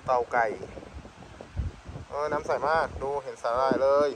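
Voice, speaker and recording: A man gives relaxed travel commentary outdoors by a mountain river, musing aloud while walking and tasting food. His medium-pitched voice is steady and unhurried, and loud background noise fills the recording.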